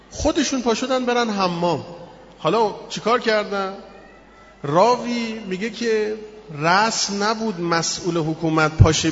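A high-voiced man preaches, telling a story with lively expression and acting out the voices of its characters. His words echo around a reverberant hall, and the recording comes across dull and muffled.

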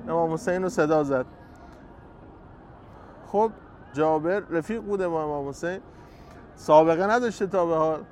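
Impassioned preacher outdoors, higher male voice. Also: slight background noise. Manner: impassioned, chanting Arabic quotes slowly with rising emotion. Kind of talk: sermon.

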